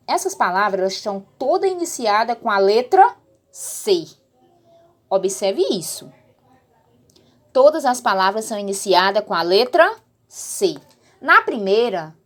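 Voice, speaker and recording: A young Brazilian woman with a slightly high voice teaches a recorded lesson to small children. She is patient and repeats each step, pausing to ask the class if they understood. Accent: Brazilian Portuguese. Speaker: primary school teacher.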